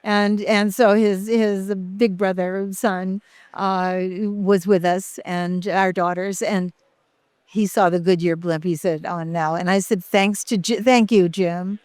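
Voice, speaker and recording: Older woman guest, halting and reminiscent, clean close-miked sound. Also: mid-range voice, steady tone, darkish tone, no echo. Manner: halting, many fillers and restarts. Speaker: interview guest, actress. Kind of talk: casual interview reminiscing.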